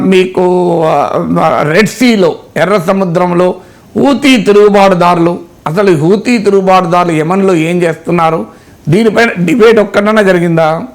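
A man with a notably high voice talks through political commentary in an emphatic way. He mocks ideas with ironic rhetorical questions. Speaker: political analyst.

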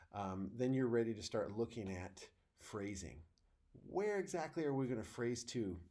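A man's voice: medium pitch, a little mellow. Methodical male trumpet professor explaining. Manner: clear, methodical teacher's explanation; sings musical phrases in scat syllables to demonstrate. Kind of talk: instructional video on audition preparation.

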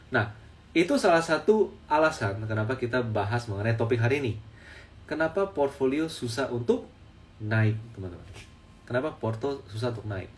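A man's voice: medium pitch, recorded from a distance. A man, a stock trading educator, telling a story in casual explanatory talk and often repeating his phrases for emphasis. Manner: storytelling, repeats phrases, addresses viewers as friends.

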